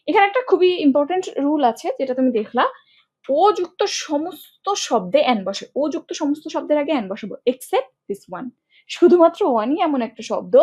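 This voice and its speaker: Brisk and methodical, a woman teaches English grammar online in a high, bright voice, taking the lesson one step at a time. "ঠিক আছে?" comes up often as she checks on her students. She speaks colloquially, sprinkling English words throughout.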